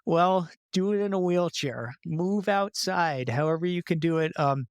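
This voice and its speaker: High-voiced man chatting loosely on a dry podcast. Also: lively intonation, unhurried, smooth, no echo. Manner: loose and chatty, heavy filler words, frequent laughs. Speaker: guest. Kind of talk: casual conversational interview.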